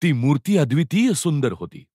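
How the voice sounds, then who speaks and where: Brief: gentle young prince, read by a male narrator, pleading and emotional, lively pitch. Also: moderate pace, no echo, studio quality. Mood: sorrowful.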